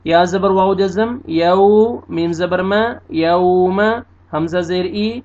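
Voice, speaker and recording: A man teaching Quran recitation rules. He spells out letters and vowel marks one by one, patiently corrects mistakes, and recites words in a drawn-out way. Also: sits high, lo-fi sound. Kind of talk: tajweed lesson.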